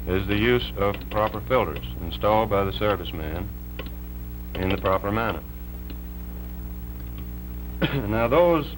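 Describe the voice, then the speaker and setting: 1950s TV broadcast: a man as an engineer demonstrating, lower voice, measured and technical, faint noise. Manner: measured, plain technical explaining. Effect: 1950s TV broadcast sound. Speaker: electrical engineer demonstrating TV interference. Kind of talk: explanatory on-air demonstration.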